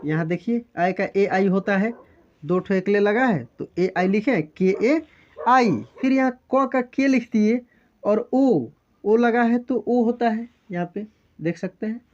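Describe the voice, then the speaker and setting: A man's voice: sits high, a little mellow. A man teaching a spelling lesson, patiently breaking words into sounds step by step. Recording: dull lo-fi sound.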